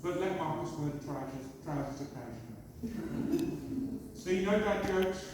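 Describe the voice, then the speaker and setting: A man's voice: on the high side, lively intonation, unhurried. A middle-aged man giving a prepared wedding speech and toast as father of the bride, in short phrases. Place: large reception hall. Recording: very echoey noisy hall, far from mic.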